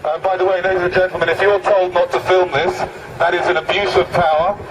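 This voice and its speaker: A man's voice: sits high, little pitch movement, fast, a crowd in the background. A man speaking through a megaphone as a street activist, making ironic, mock-polite announcements. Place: busy city street outdoors. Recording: echoey megaphone voice from a distance, street noise.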